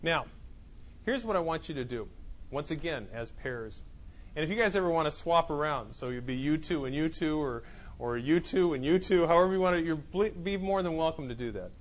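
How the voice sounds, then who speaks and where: With a higher-pitched voice, lively intonation, and a slightly fast delivery, a male instructor teaches a college class. His lecture is loose and repetitive, with many restarts, delivered in a classroom of students. His clip-on microphone repeatedly falls off.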